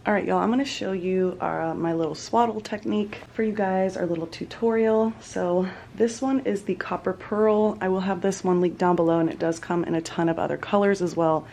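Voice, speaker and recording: A woman's voice: on the low side, fairly quick, creaky, hardly any pauses, slight background noise. A young woman, chatting casually in a home vlog. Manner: chatty, relaxed, Southern "y'all". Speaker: vlogger. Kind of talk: casual vlog talk to camera. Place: home living room.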